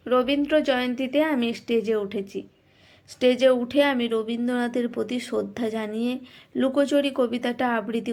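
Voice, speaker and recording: A woman tells her own story aloud as a first-person narration. She sounds reflective and pokes fun at herself, and her voice sits fairly high. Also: vocal fry. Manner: reflective and self-mocking.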